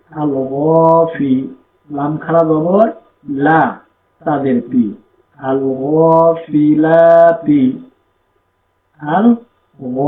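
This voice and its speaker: A man teaching Quran reading, with a Bangladeshi Bengali accent, spelling out letters and vowel marks and blending them slowly into syllables. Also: a little high. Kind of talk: slow spelling-out recitation lesson. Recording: echoey room, tinny phone-like sound.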